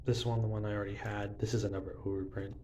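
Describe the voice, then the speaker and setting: A young man with a lowish, slightly mellow voice talks rapid-fire in a flat way while showing his banknote collection to his phone camera. It's a casual show-and-tell, rambling and full of fillers, with a little hiss or hum in the audio.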